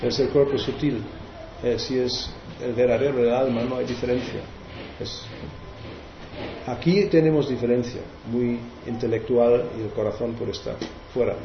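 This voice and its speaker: A man's voice: mid-range voice, noisy background. Man teaching scripture in a roomy hall. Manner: hesitant, many restarts, explaining verses. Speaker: spiritual teacher. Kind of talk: devotional class with questions. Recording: roomy, dull recording.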